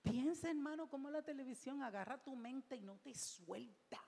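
A woman's voice: high-pitched, lively intonation, moderate pace, creaky, dark tone, in a large hall. A woman pastor preaching a sermon in church, emphatic and repetitive, with rhetorical questions.

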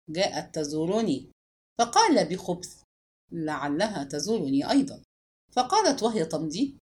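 A woman reading a novel aloud as narrator, giving the characters' dialogue expressive voices. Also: medium pitch. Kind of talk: scripted audiobook narration.

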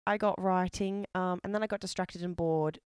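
A woman's voice: fairly low pitch, fairly even intonation, moderate pace, darkish tone, clear, resonant tone, no echo, studio quality. A woman co-hosting a podcast in casual chat, talking loosely, trailing off and laughing easily. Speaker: podcast co-host.

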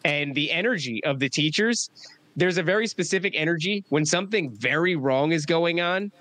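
A man's voice: a little high, lively intonation, moderate pace, fairly bright tone, no room sound. A young man hosting a podcast, chatting casually and swearing as he tells stories. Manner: profane, rambling, talks through stories. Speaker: podcast host. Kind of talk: casual chat.

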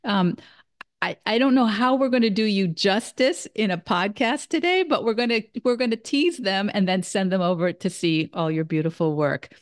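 At a moderate pace and in a mid-range voice, a female podcast host conducts an interview. Her speech is full of hesitant restarts, and she praises her guest freely and effusively.

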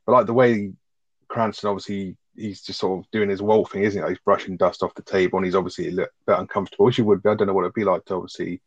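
A man's voice: low-pitched, flat delivery, very fast, husky, no room sound. A man chatting casually about a TV episode, opinionated and swearing freely. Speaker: podcast co-host. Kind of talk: casual recap chat. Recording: dull, dry sound.

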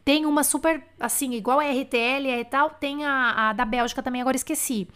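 A woman's voice: high-pitched, steady tone, brisk, fairly bright tone, smooth. Chatty woman teaching French live. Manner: chatty, reads comments aloud, switches between Portuguese and French. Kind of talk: live stream lesson, reading viewer comments.

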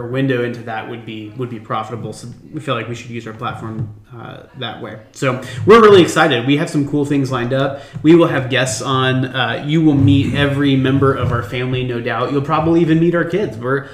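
A man of ordinary pitch hosts a casual family podcast, chatty and earnest, often restarting his sentences. His voice comes through a makeshift microphone that sounds tinny, as if he were inside a tin can, and there is a noticeable echo from the room. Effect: tinny sound, as if recorded inside a tin can. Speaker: podcast host. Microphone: temporary microphone, not the usual podcast mic.

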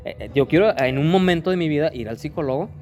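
A man's voice: on the high side, animated, fast, darkish tone. A man, chatting casually in slangy speech full of repeated restarts. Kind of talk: casual chat.

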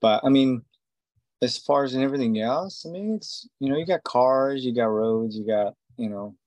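This Israeli tattoo artist, a man in his forties, chats loosely during an interview, wandering through his thoughts with lots of fillers and false starts. He speaks at an ordinary pace in a medium, somewhat dark voice, and the recording carries no room sound.

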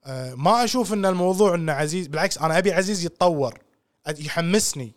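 A man co-hosting a casual podcast chat, animated and slipping English phrases into his talk. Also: on the high side, very fast, dry recording, studio quality. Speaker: podcast co-host.

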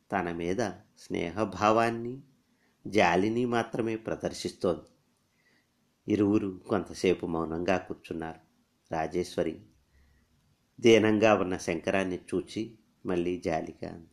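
A man reading a short story aloud in a measured, expressive narration. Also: low voice.

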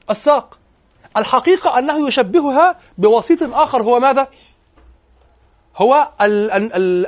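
Animated man lecturing with Egyptian accent. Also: sits high. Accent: Egyptian Arabic. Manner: animated, questioning the audience; switches between classical and colloquial speech. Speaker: lecturer on classical poetry. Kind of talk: lecture to students. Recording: dull lo-fi lecture recording.

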